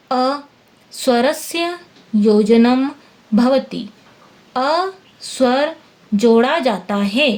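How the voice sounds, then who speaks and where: A woman teacher explaining a lesson slowly and patiently, sounding out each letter and translating word by word. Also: on the high side. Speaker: Sanskrit teacher. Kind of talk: classroom-style lesson explanation.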